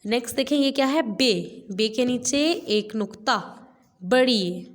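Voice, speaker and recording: A woman's voice: fairly high pitch, expressive. A woman nursery teacher with a Pakistani Urdu accent, patiently drilling letter sounds in a recorded class. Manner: patient, drills letters slowly and repeats "theek hai". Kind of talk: recorded online class lesson.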